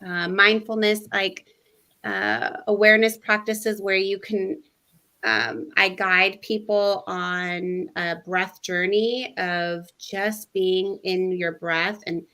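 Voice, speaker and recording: Woman breathwork guide, animated and upbeat, chatty interview guest. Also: medium pitch, takes it slowly. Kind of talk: casual interview chat.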